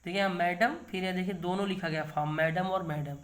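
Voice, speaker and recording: A man's voice: sits high, steady tone, fast. A middle-aged man teaching English grammar in an online video lesson. He explains patiently, keeps asking himself rhetorical questions and checks in with the viewer.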